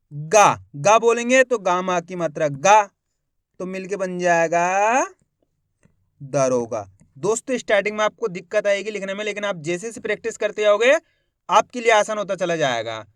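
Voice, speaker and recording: A man teaching a reading lesson. He sounds out each word slowly, syllable by syllable, and he asks the viewer questions and then answers them. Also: high voice, a bit bright, no room sound, studio quality. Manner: slow, syllable by syllable, repeating words.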